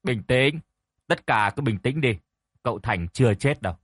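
A man voicing a calm, cold-spoken male healer who settles a panicked household. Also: medium pitch, slightly rough, no echo, studio quality. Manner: cold, measured.

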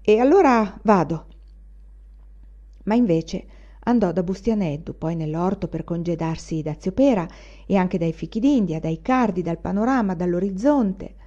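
A woman narrating a classic novel for an audiobook in an expressive, measured way. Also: on the low side. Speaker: audiobook reader. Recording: dull lo-fi recording.

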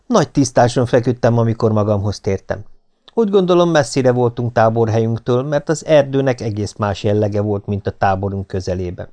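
A man narrating an adventure novel in the first person as an audiobook, in a steady, measured reading. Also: fairly low pitch.

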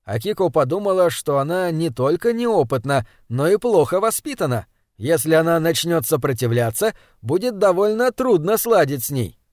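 A man reading a story aloud, expressive and voicing each character himself. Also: a little high, normal speed, no room sound, clean studio sound. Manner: expressive, plays every voice. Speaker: audiobook reader. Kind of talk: story narration.

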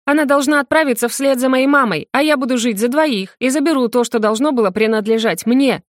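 A woman voicing a hot-tempered young woman under interrogation who shouts and sobs in outbursts, in an audiobook reading. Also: a little high, brisk, dry recording, clean studio sound, voice pushed up, close to an everyday voice. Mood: hysterical.

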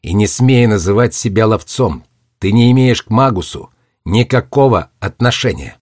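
A man's voice: on the low side, animated, moderate pace, dry recording, clean studio sound. A man reading a story aloud and voicing a young girl prisoner who is bitter and fierce. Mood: furious. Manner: fierce, bitter, shouting at times.

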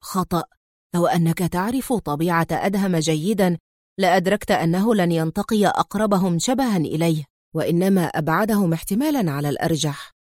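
A woman's voice: on the low side, brisk, a little mellow, no room sound, studio quality, pitched below the performer's own voice, natural voice. A woman reading the lines of a stern male intelligence director in an audiobook, firm and decisive.

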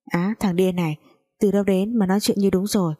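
A woman's voice: mid-range voice, steady tone, fairly quick, mellow, natural voice. A woman voicing a foul-mouthed greedy old mother. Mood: scolding. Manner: coarse, cursing, scolding.

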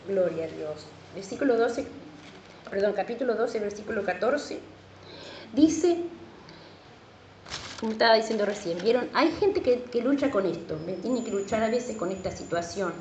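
A woman's voice: mid-range voice, lively intonation, moderate pace, long pauses, darkish tone, slight background noise. A middle-aged woman pastor with a Rioplatense Spanish accent, preaching a sermon and telling a personal testimony, repeating words and often saying amen. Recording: echoey hall, dull lo-fi sound.

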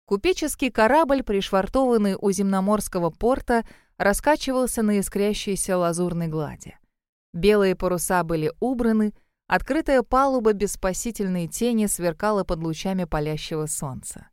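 A woman narrates a fantasy audiobook in a steady, even storytelling manner. Her voice is smooth and clean. It is recorded dry and close to the mic. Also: mid-range voice, normal speed, dry recording.

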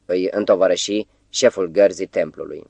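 Man, audiobook narrator, lowish voice, measured literary reading, dry close sound. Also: steady tone, creaky, mellow, dry recording.

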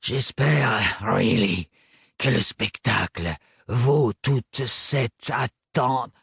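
A man reading an audiobook, voicing a cruel, mocking male villain who draws out his taunts slowly and drops in English words. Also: mid-range voice, animated, vocal fry, fairly bright tone, breathy edge, no room sound, clean studio sound, heavily acted. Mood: sneering. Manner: slow, drawn-out taunting, English words slipped in. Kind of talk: audiobook character voice.

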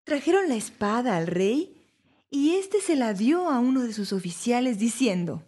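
A woman with a fairly high voice narrates Bible stories for families. She reads in a clear, even storybook manner. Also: moderate pace.

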